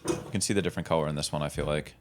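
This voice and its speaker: A man's voice: a bass voice, fairly even intonation, rapid-fire, heavy background noise. A man co-hosting a podcast with casual banter. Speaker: podcast co-host.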